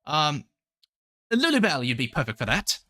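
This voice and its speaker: A man's voice: fairly high pitch, big pitch swings, moderate pace, bright, forceful tone, dry recording, clean studio sound, pitched above the performer's own voice. A man voicing an eager male professor who talks in a chipper, hesitant way. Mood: cheerful.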